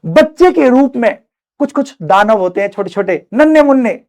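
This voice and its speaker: Middle-aged man, online chemistry teacher; fatherly, lively, alternates loud urging with quiet heartfelt advice. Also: very high-pitched, normal speed. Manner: animated and fatherly, swings between loud exhortation and quiet earnest advice; mixes English phrases into his speech, calls students son. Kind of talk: live online lecture pep talk.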